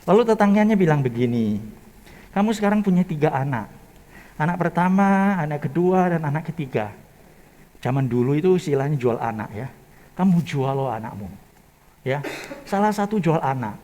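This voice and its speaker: Man, pastor, high-pitched voice, church sermon, hushed storytelling, loud preaching peaks, rhetorical questions. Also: animated, brisk. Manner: asks the congregation rhetorical questions. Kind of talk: Christmas sermon with an illustrative story.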